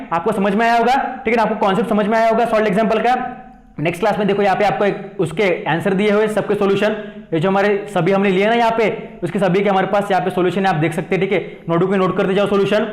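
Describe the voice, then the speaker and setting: A man's voice: sits high, reverberant. A man with an Indian accent teaching a maths lesson, mixing Hindi and English and often asking students questions to check they follow. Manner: repeats questions to students, coaxing "thik hai na".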